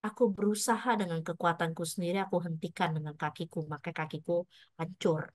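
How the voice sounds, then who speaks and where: A woman's voice: on the low side, quick pace. A middle-aged woman preaches in a loose, conversational way, moving between personal stories and encouragement. She slips English words into her talk and sounds close to the mic. The recording is dry, with no room echo. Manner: chatty, mixes in English words. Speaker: pastor. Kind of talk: casual sermon with personal stories.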